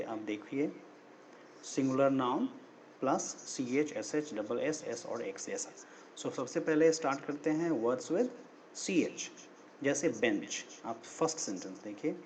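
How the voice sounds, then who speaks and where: Male English teacher, explains step by step, spells out sounds letter by letter, mid-pitched voice, faint background hiss. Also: darkish tone. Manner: explains step by step, often checks with "right?" and "okay?". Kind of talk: spoken English lesson.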